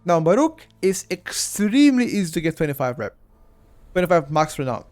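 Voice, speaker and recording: This Bulgarian-accented man's voice is a little high and darkish, with big pitch swings and a fairly quick delivery. Guiding his live-stream chat through a game, he chats directly with them and repeats himself a lot. The recording is dry, with soft background music.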